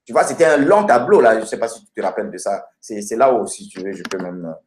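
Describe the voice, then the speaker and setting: A man teaching a language lesson from a textbook, addressing the student directly and pausing with fillers as he searches the pages and repeats word endings. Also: on the low side, expressive, a little mellow, reverberant. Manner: halting, many fillers and repeated words while searching pages. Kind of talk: recorded lesson, talking through a textbook.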